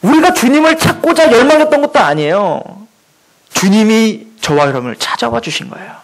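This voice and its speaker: High-pitched, lively male preacher. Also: fairly quick, poor audio. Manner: emphatic, full of rhetorical questions. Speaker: pastor. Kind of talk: sermon. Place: church.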